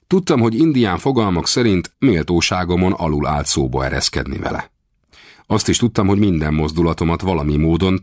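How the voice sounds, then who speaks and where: A man narrates an adventure audiobook in the first person, his low voice moving lively up and down. He reads expressively and climbs higher whenever characters shout. The sound is close and dry, with no room around it. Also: dry recording. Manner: expressive, raises pitch for shouted dialogue.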